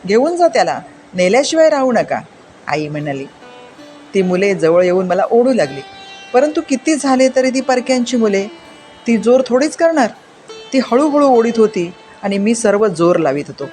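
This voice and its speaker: Children's storyteller, expressive and measured, mid-pitched, faint music bed.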